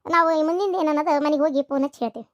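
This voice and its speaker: A woman's voice: sits high, fairly even intonation, no room sound, lo-fi sound, lightly acted. A woman voicing a talkative middle-aged mother in a cartoon, speaking in a North Karnataka Kannada accent. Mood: chatty. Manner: brisk and talkative. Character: middle-aged mother visiting to see a bride, chatty.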